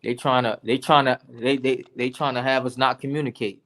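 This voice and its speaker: A man's voice: medium pitch, steady tone, fairly quick, fairly bright tone. A man co-hosting a casual online chat over a video call, laid-back, agreeable and slangy. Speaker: podcast co-host.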